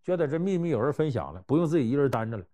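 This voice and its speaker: Animated male storyteller. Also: medium pitch, racing. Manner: animated, conversational, swings between loud and hushed. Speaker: storyteller giving life advice. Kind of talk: anecdotal storytelling talk.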